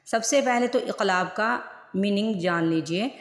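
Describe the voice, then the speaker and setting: A woman teaching a Quran recitation lesson, who repeats each rule and keeps putting questions to her viewers. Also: medium pitch. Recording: echoey room with long reverb.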